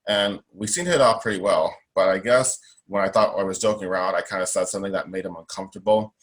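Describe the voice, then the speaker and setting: Deep-voiced and fast-talking, this young man is a guest in an interview conversation. He speaks up for himself forcefully and bluntly, with a strong voice, and tends to say things more than once.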